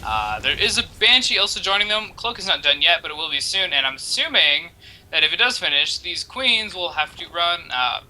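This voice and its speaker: A man's voice: a little high, very animated, brisk, sharp tone, rough recording. A man co-casting a video game match, upbeat and thinking aloud, often correcting himself mid-sentence. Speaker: esports co-caster. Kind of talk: casual game commentary.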